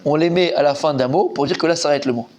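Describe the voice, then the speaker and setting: A man giving an informal, animated Talmud class, quizzing his students and repeating key points. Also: fairly high pitch, fast talker. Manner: lively, animated, asks students questions, repeats himself. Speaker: rabbi teaching Talmud.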